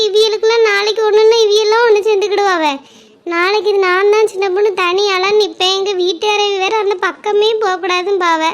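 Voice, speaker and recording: A woman voicing a fretful village woman. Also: very high-pitched. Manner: fretful, talks her worries over at length. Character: anxious village woman, middle-aged, gentle and fretful. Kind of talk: cartoon drama voice acting.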